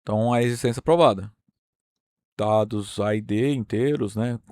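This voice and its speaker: A man's voice: on the low side, moderate pace, a little mellow, dry recording, clean studio sound. A Brazilian man teaching a university math class, working through a proof step by step and checking in with his students. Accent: Brazilian Portuguese.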